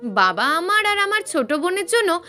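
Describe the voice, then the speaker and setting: A young adult woman narrating a first-person audio story in an expressive, dramatic way. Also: very high-pitched, normal speed, faint music behind.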